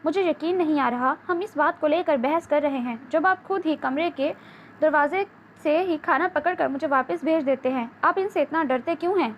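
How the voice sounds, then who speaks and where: Brief: high-voiced defiant young wife, read by a woman narrator, scolding, dull lo-fi audio with faint hiss. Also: close to an everyday voice. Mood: angry. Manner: sharp, scolding delivery. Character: angry young wife, sharp-tongued and defiant. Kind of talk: audiobook novel reading.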